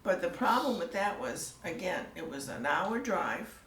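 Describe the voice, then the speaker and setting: An older woman telling her story in a casual interview, soft-spoken and trailing off into near-whispers. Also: fairly low pitch, animated, moderate pace, a little hiss or hum. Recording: echoey room, mic at a distance, faint ambience.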